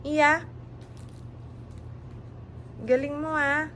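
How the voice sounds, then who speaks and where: A young mother from the Philippines coos and coaxes her baby in a sing-song voice. Her voice sits high and bright, and she takes her time, drawing her words out slowly. A faint hum of room noise sits behind her. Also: level tone. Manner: cooing, sing-song, coaxing. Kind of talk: casual baby talk, mixing Tagalog and English.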